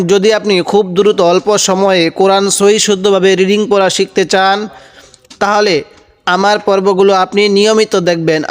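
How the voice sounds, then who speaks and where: A man teaching Quran reading, patiently spelling out each syllable and repeating words slowly, asking the viewer questions and answering them himself. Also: high voice, smooth, long reverb tail. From Bangladesh. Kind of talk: step-by-step spelling lesson.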